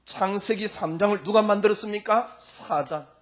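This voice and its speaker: A male pastor preaching a sermon, firing rhetorical questions at his congregation in an informal, lively way. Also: high-pitched, normal speed. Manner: speaks informally and lively in the pulpit.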